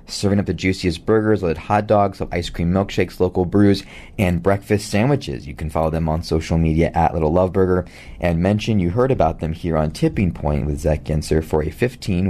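A man hosting a local radio talk show, chatting casually with a gravelly voice and plenty of fillers. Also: low-pitched. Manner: relaxed, many fillers, reads out numbers.

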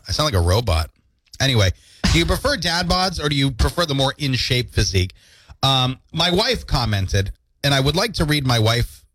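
Animated joking man on morning radio. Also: mid-range voice, dry recording. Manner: playful, animated storytelling with jokes. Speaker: radio show co-host. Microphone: studio mic.

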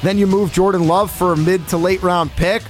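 A man co-hosting a sports talk radio show, quick and opinionated, teasing his partner. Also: sits high, steady tone, over music. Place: radio studio.

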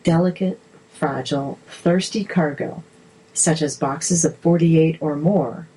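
A woman narrator reading articles aloud in a measured, steady way. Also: low voice, breathy edge, rough recording.

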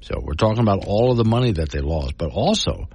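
A man's voice: deep voice, very animated, fast, gravelly, darkish tone, husky, no echo. A man hosting a talk radio show, chatting casually and reading out listener messages. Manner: conversational, reads listener messages aloud. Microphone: studio mic.

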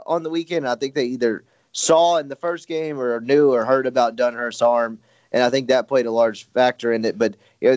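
A man breaks down a game in casual podcast chat, his middle-pitched voice recorded close and dry. He rambles, stops to correct himself and fills gaps with "uh". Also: dry recording. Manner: rambling, frequent self-corrections and fillers. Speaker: sports podcast co-host.

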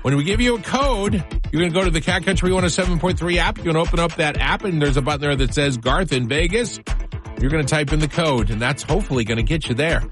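A man's voice: on the high side, quick pace. An American man hosting morning radio, announcing prizes and bits in a punchy, promotional DJ delivery. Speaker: radio morning show host. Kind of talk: radio DJ contest announcing and banter. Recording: music bed under voice. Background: music.

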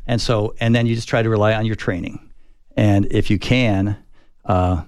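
A retired fighter pilot past middle age talks through his memories in a low, somewhat deep voice. He halts and restarts often, searching for words as he reminisces. The recording is dry and close, with no room sound. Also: fairly even intonation, darkish tone, clear, resonant tone, dry recording. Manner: reflective, halting with many restarts and fillers. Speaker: retired Air Force fighter pilot, guest. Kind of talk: conversational interview storytelling.

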